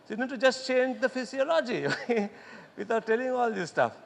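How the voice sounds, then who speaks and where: A man giving a lively workshop talk to doctors, acting out quotes and laughing often. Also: very high-pitched, fairly quick, gravelly, slight background noise. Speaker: speaker at a medical congress workshop. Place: lecture hall. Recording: echoey hall with long reverb.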